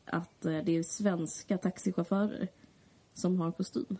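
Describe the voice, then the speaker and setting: A woman's voice: fairly low pitch, fairly even intonation, mellow, husky. A woman co-hosting a podcast, talking in a rambling, frank and sardonic way. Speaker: podcast co-host. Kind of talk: casual chat.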